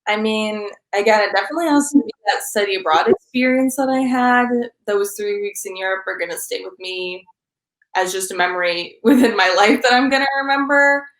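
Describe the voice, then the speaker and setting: A woman's voice: medium pitch, fairly quick, fairly bright tone. A young woman in her twenties, a student guest giving earnest, reflective interview answers with frequent ums. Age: 20s. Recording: roomy echo.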